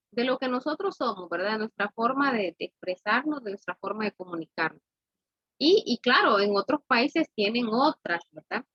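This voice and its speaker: A woman teaching a class, explaining slowly and checking in with "¿verdad?" after nearly every point. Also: a little high, a bit bright, slightly rough, dry recording, muffled recording. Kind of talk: classroom lesson.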